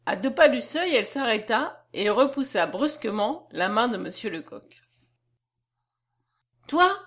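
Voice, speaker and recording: A woman reads a classic novel aloud in a measured, expressive way. Her voice sits a little high for a woman and suits a slow, literary narration. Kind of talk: audiobook reading of a classic novel.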